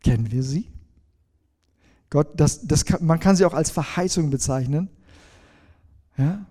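A man preaching a sermon in a conversational way, asking his listeners questions and slowing down on key phrases. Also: fairly high pitch, warm tone.

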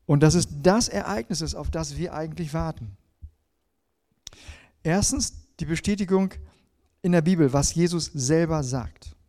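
A man delivers a sermon in a mellow, warm voice pitched a bit high for a man. He reads scripture aloud and speaks straight to the listener, swinging between emphatic passages and hushed ones. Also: moderate pace, pauses often. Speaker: preacher.

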